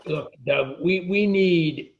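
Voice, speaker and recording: A man's voice: fairly high pitch, slow, vocal fry, dull audio. A male author, a guest on an interview podcast, speaking passionately and often repeating words as he argues. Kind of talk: casual interview chat.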